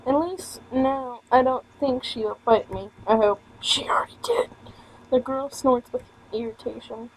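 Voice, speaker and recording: Reading a visual novel for a let's play, this woman speaks on the higher side and a little slowly, fumbling words and dropping irreverent, profane asides along the way. There's slight hiss or hum, and the audio quality is poor.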